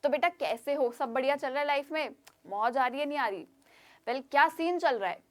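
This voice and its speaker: A woman's voice: high-pitched, normal speed. A young woman teaching an online pronunciation lesson in a chatty way, speaking to her students like kids; her first language is Hindi.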